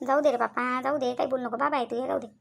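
A woman's voice: sits high, steady tone, rapid-fire, gravelly. A woman voicing an aggrieved middle-aged mother in a cartoon, with a whiny, lamenting manner. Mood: self-pitying. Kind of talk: cartoon voice acting.

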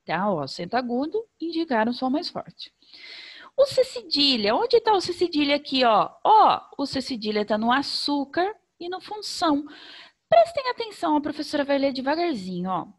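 A Brazilian woman teaching young children remotely, sing-song and slow, stretching out sounds so they can follow. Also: high-pitched, big pitch swings. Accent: Brazilian Portuguese. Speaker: primary school teacher.

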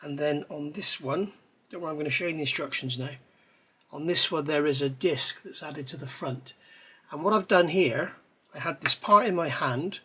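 At normal speed and in a slightly high voice, a middle-aged man rambles through a model-building tutorial, with a little hiss or hum in the audio. He works with his hands at an indoor hobby workbench beneath an overhead camera, relaxed and chatty.

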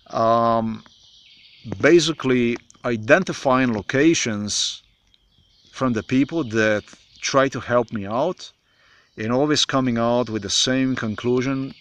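A man in his forties from Slovenia with a Slovenian accent, speaking in a halting, repetitive, emphatic monologue to a phone camera in a forest. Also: mid-range voice, a bit bright, no room sound. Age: 40s. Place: outdoors in a forest. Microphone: phone camera at arm's length.

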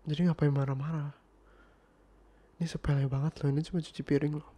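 A man's voice: on the high side, level tone, a little fast, slightly rough. A man playing an irritated young boyfriend in an ASMR role-play, arguing insistently and sometimes dropping to a whisper. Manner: exasperated, insistent, slipping into soft whispers.

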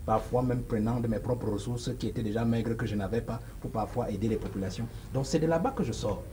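A political guest in his forties, Cameroonian French accent, delivers his words fast in a dark, mid-range voice. Emphatic and gesturing, he hesitates frequently while sitting in a small studio with sofas. The lapel-mic audio is poor, with slight background noise.

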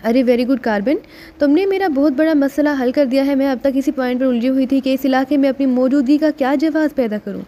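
A woman voicing a commanding female leader in an audiobook, brisk and in charge. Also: high-pitched, dark tone, natural voice.

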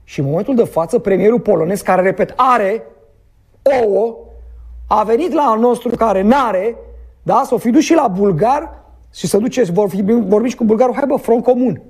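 A man's voice: high voice, slightly rough. A man hosting a podcast, ranting about politics in blunt, colloquial speech with many fillers. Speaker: podcast host.

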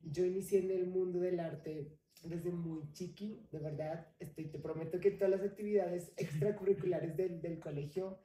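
A woman's voice: fairly low pitch, steady tone, moderate pace, warm tone. A young adult woman from Colombia, telling her story expressively as a podcast guest in a casual interview. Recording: roomy, slightly distant mic.

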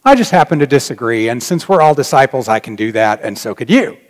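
A middle-aged pastor with a medium-pitched voice preaches quickly and very animatedly from the pulpit of a large church. For all that energy, he remains earnest and reflective, dropping to a near-whisper on key points. The hall's long reverb carries his voice.

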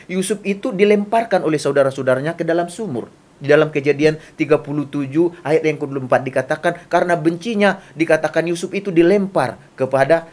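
A man's voice: on the high side, a little mellow. A middle-aged man preaching a sermon as pastor, emphatic and repetitive, seated at a desk on a small studio set. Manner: emphatic, gestures with his hands while preaching; repetitive, builds lists of phrases.

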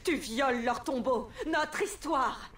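A vengeful priestess from a video game speaks in a high, very slow voice. She is solemn and accusing, declaiming with echo around her. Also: fairly bright tone, a little hiss or hum. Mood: stern accusing. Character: stern, vengeful, grieving Egyptian priestess. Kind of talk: video game drama acting.

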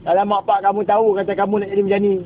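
A very high-voiced man with a Kedah accent from northern Malaysia delivers a taunting, preachy telling-off. It comes through tinny and phone-like from inside a vehicle, with some noise around him. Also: completely flat delivery, rapid-fire. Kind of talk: mock sermon and scolding in casual street talk.

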